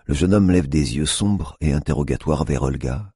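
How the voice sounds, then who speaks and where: A man reading a novel chapter aloud as an audiobook narrator, in a steady, even delivery. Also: rumbling low, normal speed, slightly rough, no room sound, studio quality. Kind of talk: scripted narration.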